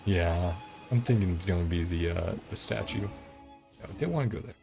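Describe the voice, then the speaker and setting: A game streamer chats casually and rambles through live gameplay commentary, chuckling often, in a low, creaky voice at a moderate pace. Game music plays behind him.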